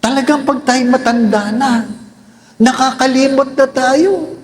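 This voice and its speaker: A man's voice: very high voice, fairly even intonation, a little slow, crowd noise. An older man, a priest, giving a homily in a humorous, conversational way, often quizzing the congregation.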